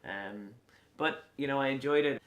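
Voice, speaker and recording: A man in his late twenties with a west of Ireland accent, answering casually in an interview with frequent pauses. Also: mid-range voice, fairly bright tone. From Galway, west of Ireland. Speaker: lacrosse player being interviewed. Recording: echoey room with faint background noise.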